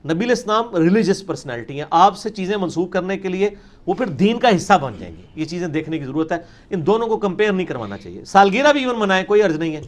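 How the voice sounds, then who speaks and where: High-voiced man explaining. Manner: emphatic, explanatory, with many English terms. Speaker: religious scholar answering questions. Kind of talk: lecture-style Q&A answers.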